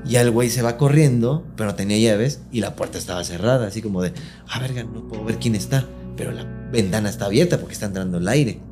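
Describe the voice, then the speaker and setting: A man's voice: lowish voice, fast talker, music in the background. A man with a Mexican accent telling a real ghost story on a casual podcast, full of slang and acting out each quote in a different voice. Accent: Mexican Spanish. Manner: slangy, acts out every quote in lively voices. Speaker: podcast host.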